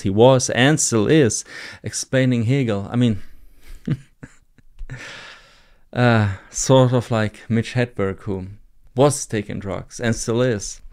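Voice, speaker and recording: Male video essayist, musing and digressive, mid-pitched voice, laughs softly between thoughts. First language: German. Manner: digressive, chuckling asides. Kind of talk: reflective spoken essay.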